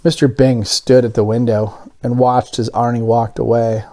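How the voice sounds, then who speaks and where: A man's voice: medium pitch, little pitch movement, moderate pace, warm tone. A man reading a children's story aloud as scripted narration. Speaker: storybook reader.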